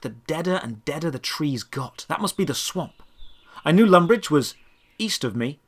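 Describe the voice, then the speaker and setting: A man with a voice on the high side narrates a first-person fantasy adventure story, using a scripted, dramatic storytelling style with deliberate phrasing.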